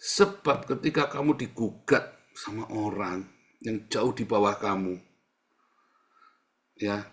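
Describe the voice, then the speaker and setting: A male pastor preaching in a colloquial, teasing manner, jumping between loud bursts and hushed asides. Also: lowish voice, slow pace, long pauses. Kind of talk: sermon.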